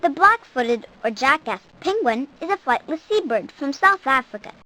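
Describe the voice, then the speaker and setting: A woman's voice: sits high, big pitch swings, moderate pace, pushed and bright, no room sound. A woman reading scripted nature documentary narration for an educational program.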